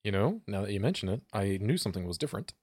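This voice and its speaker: Lively low-voiced male co-host. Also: very fast. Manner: mock radio-announcer intro, laid-back replies. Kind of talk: casual gaming podcast chat.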